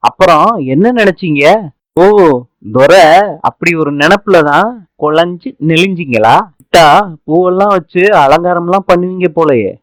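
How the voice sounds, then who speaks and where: A playful young wife, teasing and a little bossy, as a man reads her lines. The voice sits fairly high and is recorded dry and close, with no room sound. The delivery is chatty and quick to mock. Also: no room sound, lightly acted. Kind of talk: serial recap narration.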